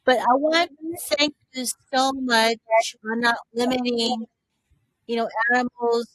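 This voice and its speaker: A woman's voice: on the high side, steady tone, a little slow, a bit bright. Woman on a choppy phone line cutting out. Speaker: caller. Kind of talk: call-in comment on a talk show. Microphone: phone on speaker.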